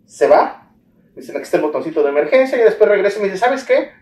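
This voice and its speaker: A man's voice: sits high, very fast. A man with a Mexican accent gives a personal account in an interview, acting out the conversations he remembers. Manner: animated storytelling, acts out the dialogue he recalls. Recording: roomy echo, distant mic, faint ambience.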